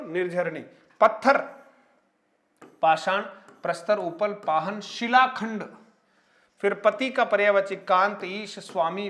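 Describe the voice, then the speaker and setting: A man whose voice sits high and sounds fairly bright delivers a Hindi grammar lesson for exam takers. He goes through lists of synonyms quickly, pointing out new words and their spellings, while chatting with viewers as friends and adding tag questions often.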